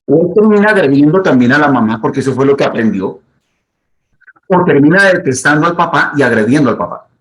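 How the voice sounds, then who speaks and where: A man's voice: on the high side, lively intonation, a little fast, rough recording. A middle-aged man, a psychologist, giving advice to the camera in a teaching manner and repeating his key points. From Colombia.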